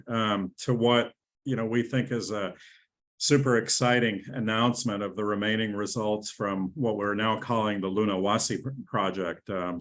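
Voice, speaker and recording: A man, a company chief executive, presenting results in a webinar, enthusiastic and full of restarts and fillers. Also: on the low side. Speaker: company president and CEO presenting.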